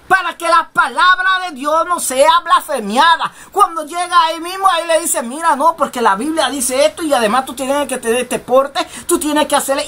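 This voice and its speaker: Woman preaching on the radio, high sharp voice, keeps repeating herself and shouts out lines. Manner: emphatic, repetitive, bursts of shouting. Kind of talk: sermon.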